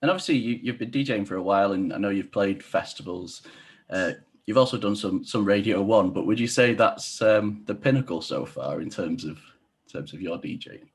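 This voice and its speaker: A man's voice: fairly low pitch, normal speed, husky. A young man casually interviewing a guest on a video call, asking long, hesitant questions. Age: young adult. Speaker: podcast interviewer. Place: indoor room, video call.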